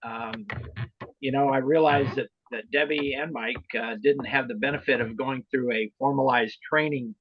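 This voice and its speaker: A man leads an informal online video meeting as a trainer of volunteer club officers, explaining things hesitantly and ramblingly. His voice is medium-pitched, fairly even in intonation, at normal speed with a breathy edge, and the meeting audio is roomy and muffled.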